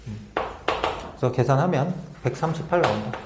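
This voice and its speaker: A man teaching a math lesson step by step, often pausing to check that students follow. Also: mid-range voice, expressive. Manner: talks through steps slowly, checking in with tag questions. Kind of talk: whiteboard lesson walkthrough. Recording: roomy, slightly dull recording with faint noise.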